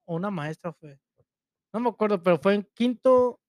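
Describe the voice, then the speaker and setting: A man's voice: high-pitched, moderate pace, a little mellow, no echo, studio quality. A young man with a Mexican accent, co-hosting a podcast in casual, crude, slangy chat and laughing often. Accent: Mexican Spanish. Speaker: podcast co-host.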